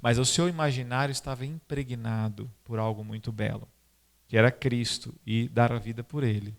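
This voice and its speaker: Speaking at normal speed, this Brazilian man chats informally and tells stories with a Brazilian Portuguese accent. He is animated and conversational, his pitch moves over a wide range, and he frequently adds tag questions.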